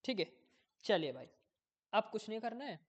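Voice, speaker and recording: A man's voice: high-pitched, sing-song, normal speed. A man giving a casual coding tutorial, thinking aloud as he works, often losing his place and checking in with viewers.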